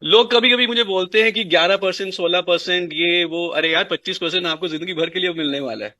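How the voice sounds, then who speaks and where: A man's voice: high voice, brisk, bright, forceful tone, no echo. A man explaining a business plan in an interview, mixing in English and repeating phrases for emphasis. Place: indoors at a dining table.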